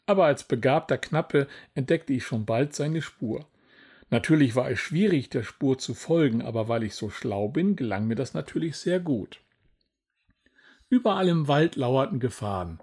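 A man voicing a boastful older male knight and proud father in a children's storybook, grumbling and full of self-praise, with a husky voice. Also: mid-range voice, lively intonation, moderate pace, a little mellow.

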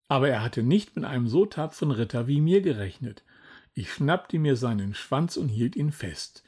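Man playing storybook knight, boastful, proud father, grumbling, husky, mid-pitched. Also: a little mellow. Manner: grumbling, self-praising.

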